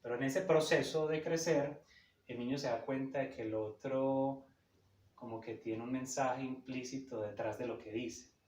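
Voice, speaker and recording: A man's voice: mid-range voice, moderate pace, darkish tone, slight background noise. Didactic man, roomy and distant. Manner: didactic, emphatic, checks in with "cierto?". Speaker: psychoanalysis lecturer. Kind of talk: explanatory talk on psychoanalysis. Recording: roomy echo, a bit far from the mic.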